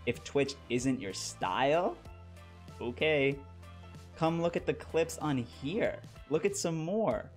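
A young man who streams games, speaking casually to camera as he signs off a video. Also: medium pitch. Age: young adult. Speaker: gaming streamer. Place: small bedroom.

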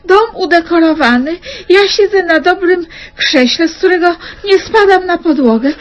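High, excitable, fretful Eliza. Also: female voice. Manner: exclaiming, anxious, theatrical. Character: excitable woman, suspicious, melodramatic. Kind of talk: 1970s radio comedy acting. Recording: dull old radio recording.

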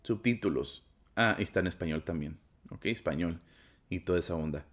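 A man's voice: deep voice, a little fast. A young man with a Mexican Spanish accent, chatting casually and with plenty of slang while he unboxes movies for his vlog.

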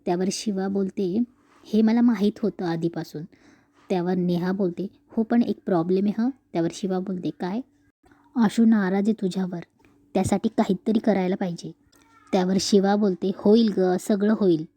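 A woman casually retelling a TV serial episode, switching quickly between narration and the characters' lines. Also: medium pitch, fairly even intonation, warm tone, no room sound.

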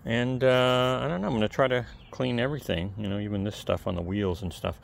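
A calm man with a soft, gravelly mid-range voice talks a little fast while working outdoors on a lawn, filmed point-of-view with the camera held close. He's a video creator giving a casual how-to, chatty and rambling with asides to the viewer.

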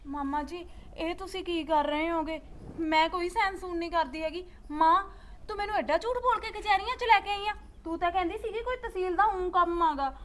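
A woman's voice: extremely high pitch, a little fast, fairly bright tone, a little hiss or hum. A woman with a Punjabi accent playing a defiant young village woman who pleads and accuses her family. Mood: accusing. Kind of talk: village drama acting.

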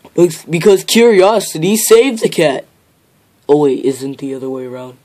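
A man's voice: on the high side, steady tone, normal speed, darkish tone, natural voice. A man voicing a blunt, defensive pig henchman in an improvised cartoon puppet show. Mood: puzzled.

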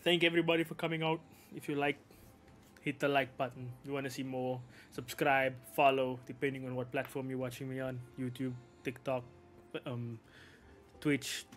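A man's voice: mid-range voice, level tone, moderate pace, fairly bright tone, soft background music. A man casually commenting on a video game's menus, with slangy, laid-back talk and asides to chat. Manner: slangy, laid-back, thinks aloud with frequent laughs. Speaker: gaming YouTuber. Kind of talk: casual game walkthrough commentary.

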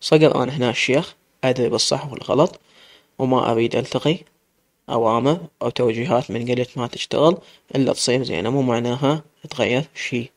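Man voicing a stern young Iraqi sheikh, commanding, gravelly, mid-pitched. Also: fairly even intonation, quick pace, lightly acted. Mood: firm. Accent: Iraqi Arabic. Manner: firm, commanding.

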